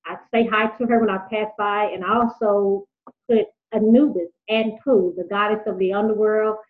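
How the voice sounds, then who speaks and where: A woman calling in to a live talk, speaking in a soft, unhurried, devotional way. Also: medium pitch, fairly even intonation. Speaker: caller. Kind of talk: casual call-in sharing. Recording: phone line.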